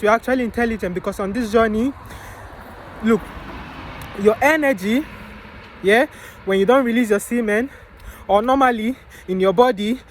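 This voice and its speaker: This is a motivational vlogger, a young man with a high voice, speaking casually but preachily; he answers his own rhetorical questions and throws in "bro" and "man" toward the listener. A little hiss or hum can be heard.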